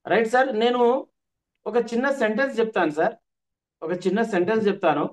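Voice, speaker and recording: A man's voice: high-pitched, lively intonation, fast. A man teaching an online workshop, repeating his points with emphasis. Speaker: trainer.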